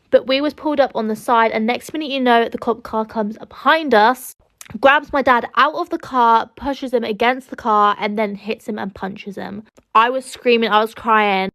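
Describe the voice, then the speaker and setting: A woman's voice: on the high side, fairly bright tone, no room sound, studio quality. A woman telling a personal story in a plain, earnest storytime narration.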